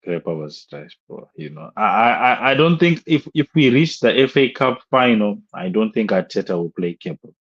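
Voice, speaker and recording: A young man ranting on a live stream, exasperated and looping back over the same points. His voice sits low and sounds husky, and the audio comes through dull and lo-fi. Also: lively intonation, normal speed, few pauses. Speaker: football fan streamer. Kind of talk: live stream match rant.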